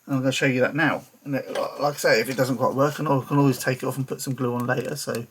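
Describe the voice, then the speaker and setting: A man walks through a customizing tutorial in a relaxed, chatty way. His voice is a little husky and sits at an ordinary middle pitch. He keeps up a loose commentary, often half-muttering to himself as he concentrates. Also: fast. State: holding his breath while painting. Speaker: hobbyist toy customizer. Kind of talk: casual tutorial talk.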